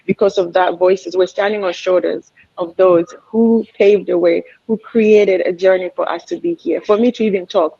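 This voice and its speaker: Earnest woman panelist, husky, on a muffled video call. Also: lowish voice, darkish tone, no room sound. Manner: earnest, admiring, with many fillers. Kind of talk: virtual panel discussion. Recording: dull lo-fi video call audio.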